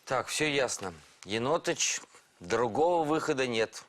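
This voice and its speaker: A man voicing a friendly, reasonable mentor in a children's cartoon, speaking in a gently instructive way. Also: medium pitch, animated, a little slow. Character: friendly, reasonable male mentor called Lyosha.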